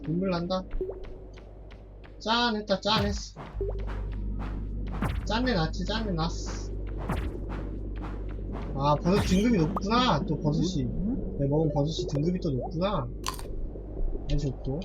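A woman's voice: lowish voice, animated, a little slow, long pauses, lo-fi sound, over music. A woman live-streaming a farming game, rambling to herself with casual swearing.

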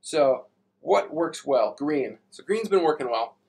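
A man's voice: on the high side, lively intonation, unhurried, vocal fry, a little mellow, husky. A young man teaching a live online space class for kids at a whiteboard, chatty and playful, explaining big ideas with everyday examples. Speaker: science teacher.

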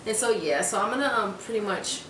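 Animated and fairly quick, a young woman with a medium-pitched voice vlogs about meal prep in her home kitchen. The fitness vlogger chats casually, with plenty of fillers and restarts. There's crowd noise, and her camera, set a few feet away on the counter, records roomy, distant, noisy sound.

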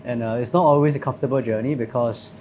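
A man in his thirties speaking in a thoughtful, measured way with fillers, interviewed at a restaurant table. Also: medium pitch, fairly even intonation, warm tone, a little hiss or hum. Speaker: company CEO. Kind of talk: interview conversation.

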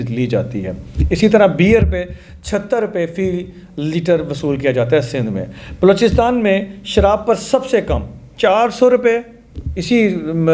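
A man's voice: a little high, a little mellow, slight background noise. A man in his forties with a Pakistani Urdu accent, giving earnest news commentary to camera in a studio, making appeals.

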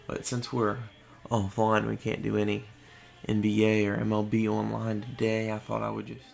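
Brief: tired male gaming host, flat monotone delivery, gravelly fry, stumbles now and then. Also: moderate pace, faint music behind. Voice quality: stumbles over words. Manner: monotone, low-key. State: tired, late at night. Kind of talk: casual talk over gameplay.

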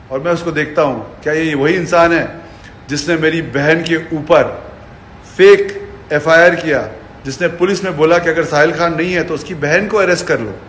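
A fitness personality from India launches into an angry, taunting, sweary rant at his phone camera, held at arm's length. His voice is high and a bit bright. He's recording indoors in a furnished living room that sounds echoey.

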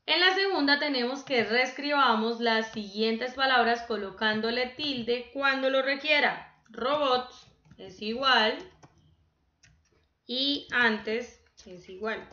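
Woman teacher, slow and patient, bright voice, echoey dull recording. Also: on the high side. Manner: slow, patient, counting syllables aloud. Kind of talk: online class lesson.

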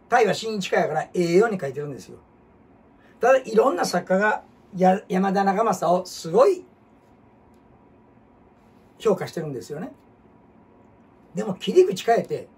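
A man with a Kansai accent, hosting a casual history talk as an animated storyteller who jumps between topics and asks rhetorical questions. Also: sits high, normal speed, pauses often. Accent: Kansai Japanese. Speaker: host. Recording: husky voice from far off the mic.

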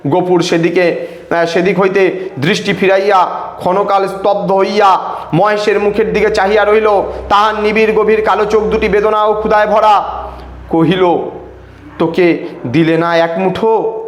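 A man's voice: high-pitched, flat delivery, moderate pace, roomy sound. A male teacher reading a story aloud and stopping to add plain asides for his students. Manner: reads old-style prose, then adds plain asides.

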